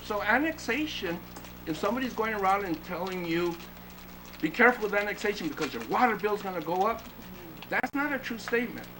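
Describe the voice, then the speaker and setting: A high-voiced man playing a city manager answers a resident's questions at a council meeting, explaining the details in a measured way with fillers and restarts. He sounds animated. The meeting-room recording is very noisy.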